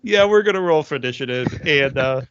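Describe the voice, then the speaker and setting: A man narrating a tabletop game as game master, unhurried and filled with "uh"s, over an online voice call. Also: fairly high pitch, lively intonation, a bit bright, clean tone, no echo. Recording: muffled lo-fi online voice chat.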